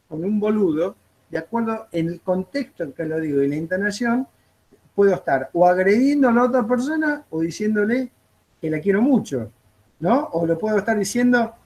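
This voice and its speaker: A man with an Argentine accent, teaching an aviation course in a classroom, chatting through anecdotes with frequent fillers. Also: fairly high pitch.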